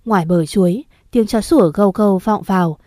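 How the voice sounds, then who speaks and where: A woman narrating a grim horror story in a steady, grave storytelling manner. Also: mid-range voice, a little fast, dry recording, studio quality.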